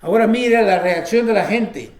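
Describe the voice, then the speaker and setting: A man's voice: sits high, moderate pace, echoey room. A man preaching a sermon, reading scripture aloud and breaking in with emphatic exclamations.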